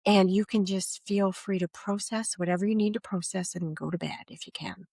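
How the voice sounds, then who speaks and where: Middle-aged woman guest, chatty and animated, acts out the voices of people in her stories, dry close sound. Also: medium pitch, normal speed, creaky, dry recording. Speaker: energy coach guest. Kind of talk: casual podcast interview.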